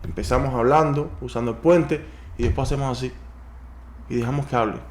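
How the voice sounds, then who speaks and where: A man reads a sales book aloud to his viewers and adds his own commentary as he goes. He stops to advise them directly and reads the worked examples in a measured way. His voice sits at an ordinary middle pitch for a man. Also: a little mellow. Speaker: host reading a book aloud.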